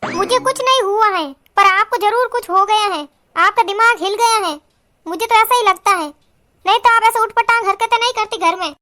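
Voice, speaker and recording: [name], a woman voicing a shrill quarrelsome sister-in-law. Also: moderate pace, bright, forceful tone, dry recording, clean studio sound. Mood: insulting. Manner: scolding, insulting. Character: quarrelsome sharp-tongued young woman, a wife's sister-in-law. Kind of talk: cartoon voice acting.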